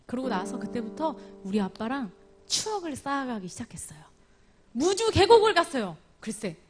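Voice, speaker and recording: A woman telling her life story as a church testimony, moving from loud exclamations to near whispers. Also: on the high side. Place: church service. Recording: music playing clearly behind her voice. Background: instrumental music.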